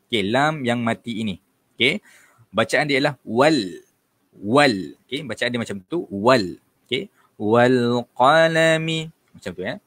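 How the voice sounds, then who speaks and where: A man with a Malaysian Malay accent leads a relaxed online Quran recitation lesson, patiently repeating letters and corrections and often saying "okey." He chants verses slowly as demonstrations. His mid-range voice has a breathy edge, and there is no echo.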